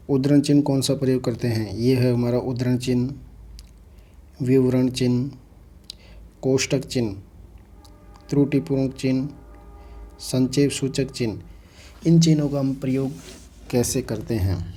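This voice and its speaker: A man teaching an online exam-prep grammar lesson, explaining slowly and repeating himself, often asking the class questions he then answers. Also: mid-range voice, steady tone, dark tone.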